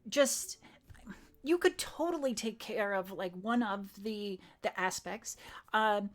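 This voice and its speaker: A pushy, animated schoolgirl played by a woman in a tabletop game. She coaxes and encourages, insistent about her big plans. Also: medium pitch, slow. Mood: urging. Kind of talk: tabletop role-play acting.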